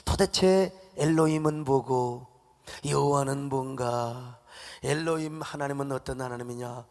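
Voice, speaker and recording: A male pastor preaching a dramatic sermon, swinging between shouted exhortations and hushed asides, in a large church sanctuary. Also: mid-range voice, unhurried. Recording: long reverb of a church hall.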